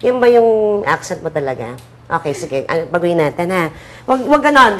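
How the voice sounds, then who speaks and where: A woman's voice: fairly low pitch, very animated, a little fast, crowd noise. A woman directing actors on a set, demonstrating lines and counting down takes. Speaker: acting director.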